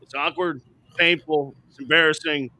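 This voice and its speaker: A man's voice: fairly high pitch, steady tone, normal speed, sharp tone. A middle-aged man co-hosting a podcast, reviewing movies in an emphatic, ranting way and often asking "right?". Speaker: podcast co-host. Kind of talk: opinionated movie review chat.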